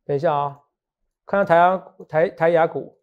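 With a steady, slightly high voice at a moderate pace, a middle-aged Taiwanese Mandarin-accented host chats about stocks on a casual talk show. He teases his co-host, jokes and laughs frequently, and checks in with "好不好". The recording is dull.

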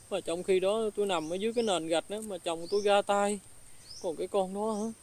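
A woman's voice: mid-range voice, normal speed, darkish tone. A middle-aged woman with a Southern Vietnamese accent telling her own story in a ghost film, indignant and aggrieved. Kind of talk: first-person dramatic storytelling.

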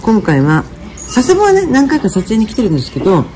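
A woman's voice: a little high, fairly quick, faint music behind. A woman with a chatting and teasing her companion on a casual walking vlog. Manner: chatty, teasing, lively dialect banter. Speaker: travel vlogger.

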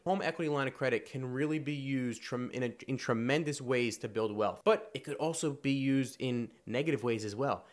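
A man with a cold and a stuffy, nasal voice, hosting a casual explainer on personal finance and talking in a loose, repetitive way with fillers and restarts. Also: medium pitch. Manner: conversational, repeats himself with fillers and restarts. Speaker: finance video host.

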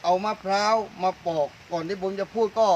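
A man's voice: high-pitched, steady tone, a little fast, slight background noise, poor audio. A man interviewing a farmer for a promotional video, eager and repeating the answers back, outdoors in a coconut orchard in the rain. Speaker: interviewer, fertilizer brand owner.

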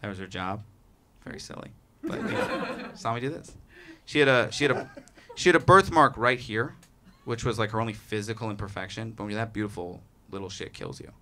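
A young man doing a stand-up comedy set in a barbershop, animated and acting out quoted voices. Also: fairly low pitch, fairly quick. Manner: animated, acts out quoted voices, laughs mid-line. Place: barbershop before a live audience.

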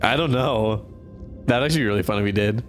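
A man streaming a horror game live, reacting excitedly and laughing often. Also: on the low side, quick pace, soft background music. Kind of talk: live gaming commentary.

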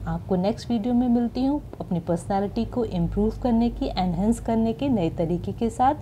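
A woman with an Indian accent hosting her channel and teaching English pronunciation, pronouncing each word clearly and carefully. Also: a little high, a little fast, mellow, slight background noise. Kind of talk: slow, deliberate pronunciation lesson. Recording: music playing behind.

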